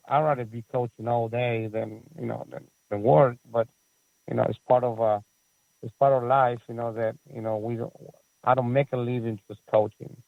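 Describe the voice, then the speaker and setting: A gravelly, mid-range voice belongs to a forty-something Chilean guest, a soccer coach and facility owner, speaking with a Chilean Spanish accent. He rambles casually with many fillers and restarts, over a tinny, phone-like line with no echo.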